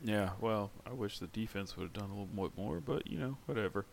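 A man's voice: lowish voice, fast, creaky. A man hosting a casual fantasy football podcast, easygoing as he steers the talk to the next topic. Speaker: podcast host.

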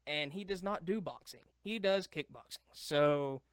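A young man co-hosts a casual podcast, rambling, swearing and laughing often as he tells stories. His slightly high voice is smooth and measured in pace, recorded at studio quality with no echo.

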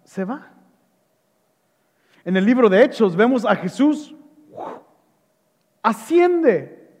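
High-voiced, slow-preaching pastor. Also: male voice, long reverb tail. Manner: dynamic preaching, swings between loud exclamations and hushed lows. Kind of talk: sermon.

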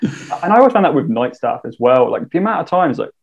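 A young man from England hosting a casual chat, telling stories in an animated way and laughing as he talks. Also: medium pitch, fast, vocal fry, slightly rough, lo-fi sound. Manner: animated storytelling, laughs while talking. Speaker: podcast host.

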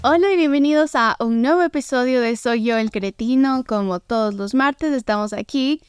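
A woman's voice: fairly high pitch, normal speed, over music. A woman hosting a casual podcast, a chatty and friendly interviewer. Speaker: podcast host.

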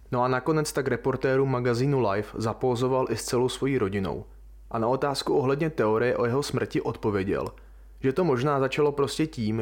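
A man of ordinary middle pitch hosts a podcast by himself. He talks through his subject in a relaxed, colloquial way and muses aloud as he goes. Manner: informal, colloquial, musing. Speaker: podcast host. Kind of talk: casual podcast monologue.

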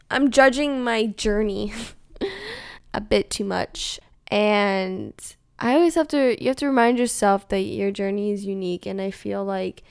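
A young woman talks to camera from home in a loose, rambling confessional chat, leaning on "like" over and over. Her voice is strikingly smooth and crisp, and the sound is completely dry with no room echo at all. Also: medium pitch. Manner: rambling, filler-heavy, says "like" constantly. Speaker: vlogger.

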